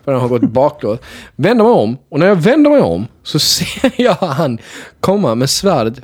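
A young man casually telling a chaotic story to friends, animated, laughing often and swearing freely. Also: a little high, breathy edge.

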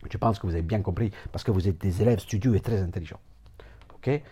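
Man, comic mock lecture, rambling, repeats words, trips over words, lowish voice. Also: fast talker, dark tone, breathy edge.

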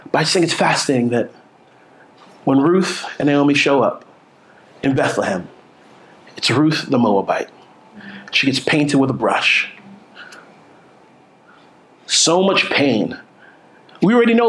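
A pastor in his forties with a New York accent and a voice that sits high for a man delivers a sermon, joking with the congregation and stumbling over repeated words as he restarts. The recording has a roomy echo, like a church hall.

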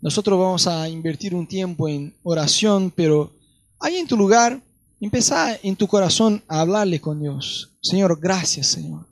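A man's voice: high voice, expressive, moderate pace, no room sound. A man with a Rioplatense accent preaching a sermon, telling stories animatedly and acting out the voices of the people in them. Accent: Rioplatense Spanish.

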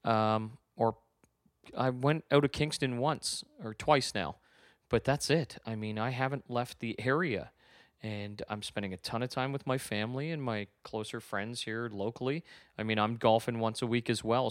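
A man's voice: medium pitch, fairly even intonation, normal speed, dry recording, studio quality. A middle-aged man hosting a casual, friendly chat. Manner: friendly, chatty, informal. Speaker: host, interviewer. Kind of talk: casual conversation.

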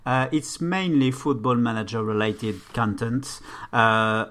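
A native French speaker from France, a gaming streamer, chats casually as a podcast guest, often repeating words as he searches for the right phrase. His French-accented, mid-range voice is a bit bright, with a steady tone and measured pace.

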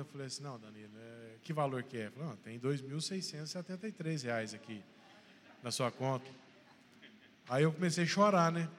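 Speaking in a large hall with a little hiss or hum, a Brazilian man with a Brazilian Portuguese accent and a fairly high, somewhat bright voice gives a church testimony. He tells his story, acts out a phone conversation, and finishes by exhorting the congregation like a preacher.

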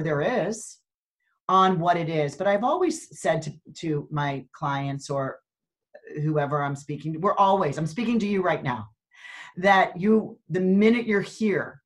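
Speaking with a lowish, expressive voice at a measured pace, a coach in her sixties talks about purpose as a podcast guest. The conversation is casual and spiritual, and her earnest, reflective remarks frequently restart midway.

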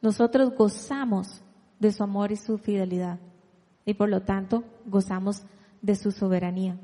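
In a dark, steady mid-range voice at a normal speed, a woman preacher delivers a sermon with a long reverb tail. She reads scripture aloud, poses rhetorical questions, and invites the audience to read along.

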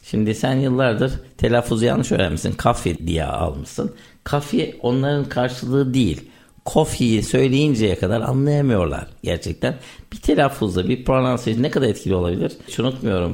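Guy with a low gravelly voice chatting away, pitch jumps all over, tells lots of stories. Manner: animated storytelling with examples. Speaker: conversation leader on language learning. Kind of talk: casual conversational explanation.

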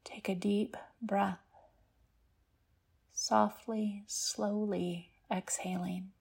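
Soft, slow, breathy woman guiding sleepy meditation. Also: mid-range voice, flat delivery. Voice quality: soft, breathy, partly whispered. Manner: hushed, gentle, unhurried delivery with long pauses. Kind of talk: soothing guided meditation, like a sleep story narrator.

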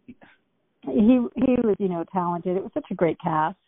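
A woman with a fairly low, expressive voice speaks unhurriedly as an actress guest in a casual interview. She's chatty and rambling, full of fillers and restarts. There's no echo, but the line sounds tinny, like a phone.

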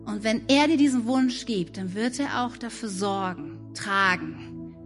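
A woman preaching a sermon, moving between animated questions and hushed, soft-spoken passages. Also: fairly high pitch, a little slow, over music.

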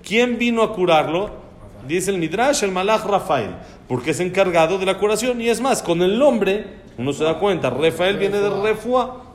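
A man's voice: high-pitched, expressive, normal speed. A man teaching a religious lesson on prayer, posing questions and answering them himself. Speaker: Torah teacher.

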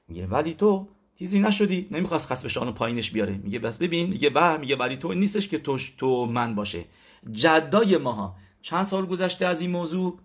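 Storytelling man giving a Torah talk. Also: medium pitch. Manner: storytelling, with loud emphatic bursts; self-correcting, searching for words. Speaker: religious teacher. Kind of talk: weekly Torah talk with retold stories.

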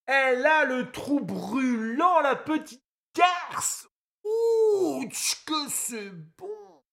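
A rowdy bearded sculptor, played by a woman, bellows his lines with crude glee in a read-aloud story. The voice sits fairly high and swoops animatedly from low growls to high exclamations. He is loud, bawdy and exclamatory throughout. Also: expressive, very slow, gravelly, heavily acted. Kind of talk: audiobook character reading.

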